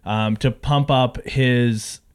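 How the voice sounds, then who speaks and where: A man's voice: mid-range voice, fairly even intonation, slow pace, smooth. A young man co-hosting a casual podcast chat, rambling with lots of restarts and fillers. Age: young adult. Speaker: podcast co-host.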